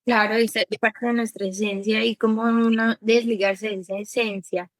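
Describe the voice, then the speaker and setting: A woman's voice: a little high, normal speed. A woman, hosting a casual podcast chat and acting out little scenes as she talks. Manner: animated, acts out little scenes with quotes. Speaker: podcast host. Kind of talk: casual conversation.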